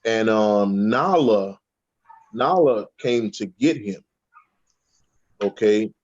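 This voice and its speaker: A man's voice: on the low side, expressive, drawn-out words, a little mellow, dull audio. A man in casual spiritual talk, profane, often repeating words and checking in with "okay?". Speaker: guest speaker on a spiritual panel.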